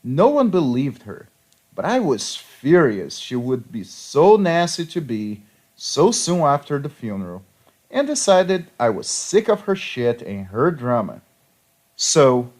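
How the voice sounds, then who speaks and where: A man reading petty revenge stories aloud, with a sarcastic storytelling manner. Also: mid-range voice. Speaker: story narrator.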